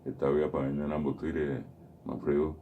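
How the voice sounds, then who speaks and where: A man's voice: a bass voice, flat delivery, normal speed, narrow, tinny audio, a little hiss or hum. A man hosting a radio show, patiently explaining pronunciation and repeating his examples. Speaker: radio host teaching Guaraní. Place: radio studio.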